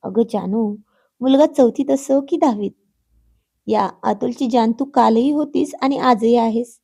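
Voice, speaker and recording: A playful adult husband teasing his wife with mock-stern, bossy lines, as a woman narrator voices him. The voice stays mellow and warm, with a slightly high pitch for a man. It has the feel of a read-aloud family storybook. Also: unhurried, gravelly, breathy edge, exaggerated voice. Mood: earnest. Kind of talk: acted dialogue in a read story.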